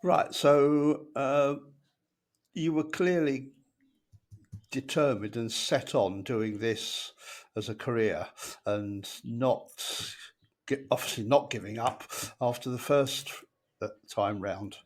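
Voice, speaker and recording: A man hosting a podcast, asking questions and affirming his guest in a relaxed interview chat. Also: mid-range voice, slow. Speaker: podcast host.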